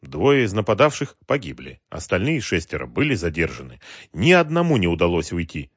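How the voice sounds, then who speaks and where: A man narrating a thriller audiobook in an expressive, dramatic way. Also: deep voice, brisk, slightly rough, dry recording, studio quality.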